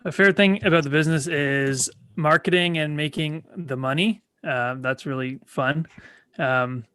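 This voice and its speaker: A man in his late twenties talks bluntly and swears freely on a podcast. His voice is fairly high and sharply bright. The sound is close and dry. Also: moderate pace, clean tone, no room sound. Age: 20s. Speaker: guest, real estate agent. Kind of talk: casual podcast chat.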